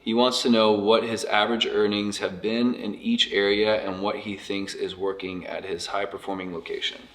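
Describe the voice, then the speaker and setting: A man hosting a casual interview, reading out viewer questions in a quick, loose manner. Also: fairly low pitch, level tone, fairly bright tone. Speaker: interviewer and channel host.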